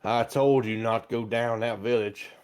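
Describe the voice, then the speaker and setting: Tabletop game villain: man playing a centuries-old she-dragon, territorial, menacing, slow and vengeful. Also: mid-range voice, fairly even intonation, darkish tone, clear, resonant tone, natural voice. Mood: angry, fed up.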